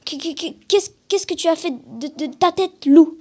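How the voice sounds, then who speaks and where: A woman's voice: very high-pitched, fairly even intonation, fast, a little mellow, voice pushed up. A woman reading aloud, voicing a stern female headmistress who gets bossy and stammers when shaken. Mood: flustered.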